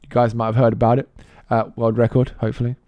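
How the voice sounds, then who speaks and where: A man co-hosting a casual gaming podcast, animated and quick to laugh, acting out quoted lines. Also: mid-range voice, no room sound, muffled recording. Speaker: podcast co-host. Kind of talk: casual chat.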